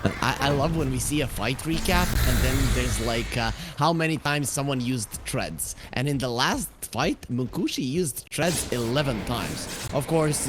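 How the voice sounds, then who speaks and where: A man commentating a live esports match, calling the action play-by-play and building excitement as fights break out. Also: medium pitch.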